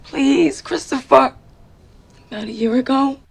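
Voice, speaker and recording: A woman's voice: high-pitched, steady tone, unhurried, gravelly, husky, heavily acted. An actress playing a frightened, pleading young woman in an emotional television drama. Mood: anxious pleading. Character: frightened, pleading young girlfriend confessing to her boyfriend.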